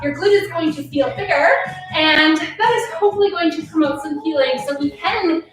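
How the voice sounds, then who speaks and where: A woman working as an aerobics instructor, leading a follow-along workout and counting reps with energetic encouragement. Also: very high voice, normal speed. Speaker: fitness instructor. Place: indoor home workout space. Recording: echoey room, far from mic, music behind.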